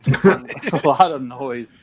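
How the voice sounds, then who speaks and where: A man's voice: medium pitch, moderate pace, crowd noise. A man hosting a casual film discussion, chatty with lots of fillers and restarts. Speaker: podcast host.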